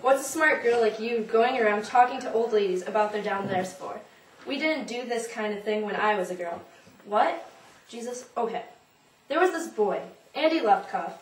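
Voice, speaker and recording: A woman's voice: fairly high pitch, normal speed, close to an everyday voice. A woman playing a nervous, evasive elderly woman in an audition monologue, rambling and dodging the question, recorded from a distance in a roomy space. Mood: flustered. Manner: rambling, flustered, dodges the question. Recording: roomy, from a distance, faint noise.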